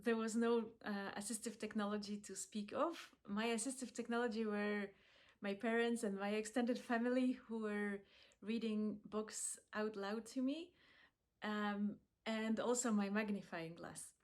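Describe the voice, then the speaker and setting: A woman from Poland who leads accessibility work, giving a calm, measured talk in a pre-recorded video with frequent small pauses. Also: medium pitch. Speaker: accessibility program lead.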